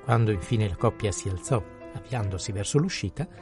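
A man narrating a novel in a steady, even literary reading. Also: lowish voice, a little fast, over music. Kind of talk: scripted audiobook narration.

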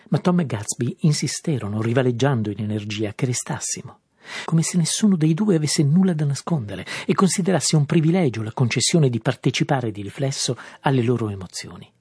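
A man narrating a novel in a measured, subdued manner. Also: medium pitch, darkish tone, slightly rough, no room sound. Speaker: audiobook narrator. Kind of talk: scripted narration.

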